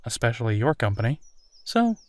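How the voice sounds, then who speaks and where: A man playing a friendly, easygoing werewolf boyfriend in human form, talking in a musing, conversational way with hesitant pauses in an intimate roleplay audio. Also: mid-range voice, sing-song, darkish tone, no echo, natural voice. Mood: warm, casual.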